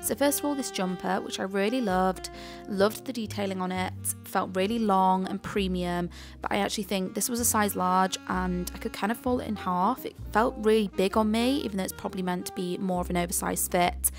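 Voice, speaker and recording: Chatty young woman with vocal fry. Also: mid-range voice, brisk, faint music behind. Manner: chatty and gushing. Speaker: lifestyle vlogger. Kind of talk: casual vlog chat and shopping voiceover. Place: car, then voiceover.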